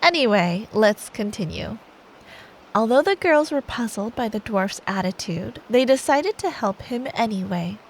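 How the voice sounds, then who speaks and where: A woman's voice: a little high, animated, measured pace, poor audio. A woman telling a bedtime story in ASMR style as a girlfriend, sweet and playful, taking her time. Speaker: ASMR performer playing a girlfriend. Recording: faint rain noise behind. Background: soft rain sound effect.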